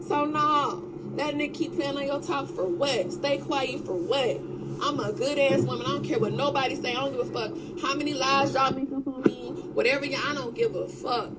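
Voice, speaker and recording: A young woman in a heated, unscripted livestream rant, blunt and profane, hammering her points through repetition. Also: high voice. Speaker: social media livestreamer. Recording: very noisy livestream audio.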